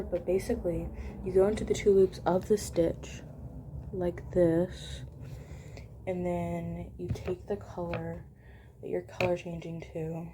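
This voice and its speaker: A soft-spoken young woman chatting casually through a crochet tutorial at home, her voice low and mellow with a fairly flat, even delivery. She sometimes drops to a hush, and a faint background noise sits under her voice. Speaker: crochet vlogger.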